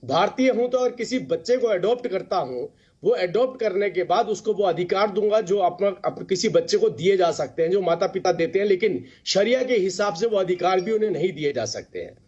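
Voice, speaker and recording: A man's voice: sits high, expressive, fairly quick, darkish tone, husky, dull audio. A man arguing insistently as a guest on a TV panel debate, repeating rhetorical phrases over a remote link. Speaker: party spokesperson, debate guest.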